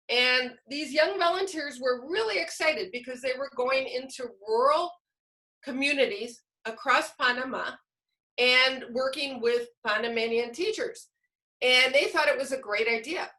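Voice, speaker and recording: On a video call microphone that gives a rough recording, a woman with a sharp, somewhat high voice gives an informal training presentation to teachers in an online meeting. She explains things and poses questions that she then answers herself.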